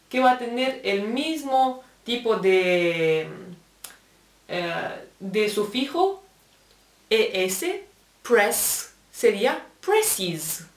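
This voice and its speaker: A woman's voice: mid-range voice, recorded from a distance. A woman teacher with a Spain Spanish accent, patiently explaining English grammar, spelling out letters and repeating examples. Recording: echoey room, voice set back from the mic.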